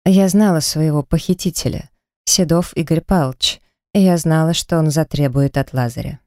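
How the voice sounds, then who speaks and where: A woman's voice: low-pitched, normal speed, dark tone, no echo, clean studio sound. A woman narrating a first-person novel as an audiobook, reading dramatically and with emotion.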